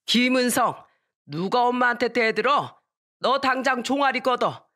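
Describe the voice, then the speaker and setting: A strict old grandfather barking stern orders at a child, played by a woman in a storytelling radio drama. The voice is loud and raised, not deepened. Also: animated, measured pace. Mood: stern scolding. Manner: barking, scolding.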